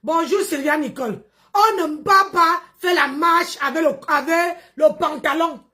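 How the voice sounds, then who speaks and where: A woman with a high voice rants on a livestream. She mocks and confronts, hammers her points by repeating phrases, and often breaks into shouts. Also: measured pace. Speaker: livestream host. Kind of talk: livestream rant.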